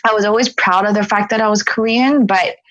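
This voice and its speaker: Speaking a little fast in a mid-range, fairly bright voice with a steady tone, this Philadelphia woman in her forties tells her personal story on a podcast interview. She is earnest and reflective and frequently restarts sentences; there is no echo, but the audio is dull.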